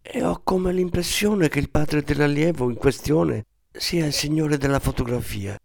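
A defensive male priest, director of a school, talks his way around hard questions in a raised, hushed and pleading tone, as a male narrator puts him on. He is cornered and evasive, quick to plead his innocence. The setting is an audiobook crime novel. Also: creaky, no echo, studio quality. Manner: defensive, pleading, higher and softer.

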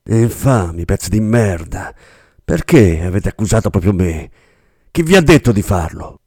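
A man playing a tough, street-raised man who speaks harshly and shouts in anger, in an audiobook reading. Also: medium pitch, big pitch swings, moderate pace, dry recording, clean studio sound, pitched above the performer's own voice, natural voice. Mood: furious.

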